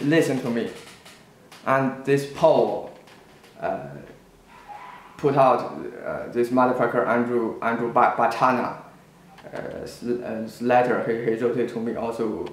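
A student with a mid-range voice gives a personal account to camera, speaking slowly and haltingly with many fillers and restarts. He sounds indignant, and the echoey room carries faint background noise.

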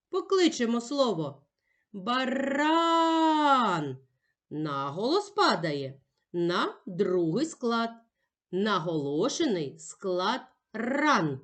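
A woman teaching young children in a patient, emphatic way, sounding out each letter slowly. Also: mid-range voice. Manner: patient, sing-song and emphatic, spelling out sounds one by one. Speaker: primary school teacher. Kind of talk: slow, clear classroom instruction for young children.

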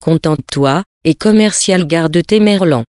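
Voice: medium pitch, measured pace, darkish tone, dry recording, natural voice. A reader voicing a haughty marquis who bargains in curt, dismissive lines, recorded dry.

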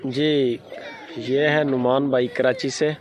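A man's voice: mid-range voice, little pitch movement, takes it slowly, muffled recording, crowd noise. A man in his thirties with a Pakistani Urdu accent, casually narrating on site at an outdoor cattle farm, recorded on a handheld phone camera. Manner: chatty, narrating while walking around livestock.

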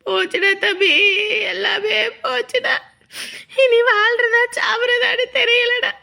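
Actress as a sobbing bossy older sister, gravelly high wail, sharp. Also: female voice, fairly even intonation, takes it slowly, exaggerated voice. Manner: sobbing then snapping orders.

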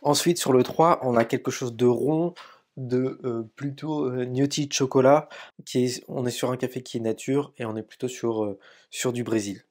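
A man's voice: medium pitch, fairly even intonation, moderate pace, a little mellow. Chatty French man tasting coffee. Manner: chatty, many fillers, describing flavors. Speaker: coffee YouTuber. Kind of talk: casual coffee tasting vlog. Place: home coffee studio, indoors.

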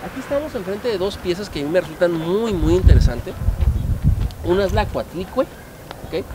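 A middle-aged man leads an outdoor tour, his voice a little high and lively as he tells legends and throws questions to his listeners. Steady background noise from the open air sits under the lapel mic. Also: moderate pace. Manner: animated, gesturing, asks the audience questions. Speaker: museum guide. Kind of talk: storytelling tour explanation. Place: outdoor park museum among statues.

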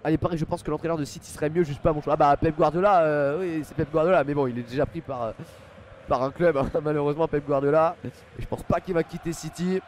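Fast and fairly even, his voice sits on the high side with a slightly mellow quality and slight background noise. The young Frenchman chats casually over a headset mic at his home desk during a live pre-match football stream, full of fillers and thanking viewers by name as he reads chat.

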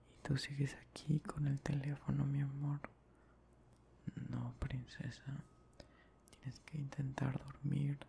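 A man's voice: medium pitch, creaky, mellow, a little hiss or hum. A young man playing an affectionate boyfriend in an ASMR whispered role-play, murmuring tenderly and breathily to soothe his partner to sleep. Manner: slow, tender, repetitive murmuring. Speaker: ASMR performer.

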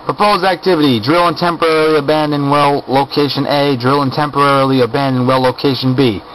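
A man's voice: mid-range voice, fairly even intonation, fast, fairly bright tone, a little hiss or hum, rough recording. A man giving casual, insistent commentary to viewers while scrolling documents on his computer, asking rhetorical questions. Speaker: video blogger. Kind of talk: casual screen-recorded commentary. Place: at a computer, voice-over on screen capture.

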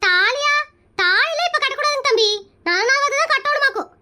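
A woman's voice: very high-pitched, lively intonation, moderate pace, bright, forceful tone, exaggerated voice. A woman voicing a pushy, chatty married aunt in a cartoon comedy, who plays matchmaker and talks. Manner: brash, nosy, rambling.

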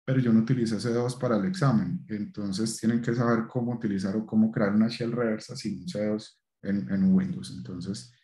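A man's voice: fairly low pitch, steady tone, fairly quick, hardly any pauses, mellow, reverberant. A man giving a technical meetup presentation over a video call, hesitant with many fillers and restarts.

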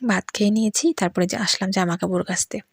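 A middle-aged woman with a Bengali accent, chatting in a soft whisper through a voice-over recorded at night. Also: medium pitch, steady tone, fast, gravelly, husky, dry recording, clean studio sound. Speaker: vlogger.

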